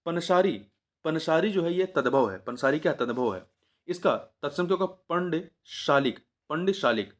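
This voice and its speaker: During an exam revision lesson, a male teacher with a voice on the high side coaxes his students by repeating each answer several times. He also corrects himself partway through sentences.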